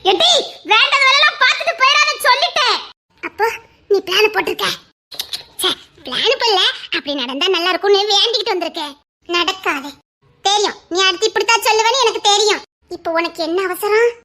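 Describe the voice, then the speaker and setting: A woman playing a loud, shrill, teasing village girl. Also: expressive, heavily acted. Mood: playful. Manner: teasing, loud, quick bickering with laughs. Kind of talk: village audio drama banter.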